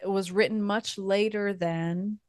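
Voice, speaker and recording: Female co-host, young adult, unhurried musing delivery, dry close-mic sound. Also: medium pitch, steady tone, dry recording. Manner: thoughtful, meandering, with fillers and soft laughs. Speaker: podcast co-host. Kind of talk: casual faith podcast chat.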